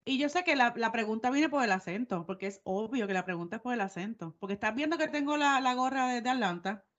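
A woman's voice: a little high, lively intonation, fast, highs cut off. A Puerto Rican woman co-hosting a podcast, telling stories in a chatty way full of asides. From Puerto Rico. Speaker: podcast co-host. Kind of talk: casual chat.

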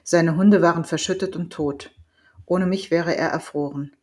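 A woman's voice: lowish voice, steady tone, moderate pace, a little mellow, close to an everyday voice. A woman voicing Orsok, a proud hunter. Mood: earnest. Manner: earnest, determined. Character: proud hot-blooded male hunter and father. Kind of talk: audiobook reading.

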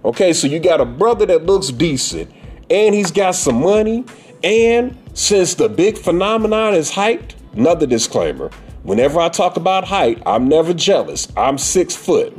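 A man's voice: fairly high pitch, sing-song, moderate pace, darkish tone, breathy edge, faint music behind. A man giving blunt, profane casual commentary and lecturing his listeners.

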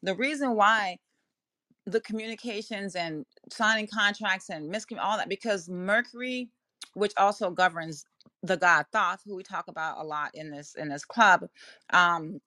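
A woman's voice: medium pitch, normal speed, pushed and bright, no room sound. A woman hosting an astrology podcast with traces of a Jamaican accent, talking casually and rambling through her points with many restarts. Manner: rambling, self-interrupting, conversational. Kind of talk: casual spoken talk to listeners.

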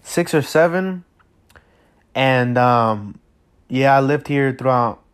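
A man's voice: mid-range voice, slow, clean tone. A teenage boy from Mexico hosts his own podcast for the first time. He rambles nervously, restarts his sentences and leans on fillers. He is recorded without a proper microphone. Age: teens. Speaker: podcast host. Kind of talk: casual solo podcast intro. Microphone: no proper mic.

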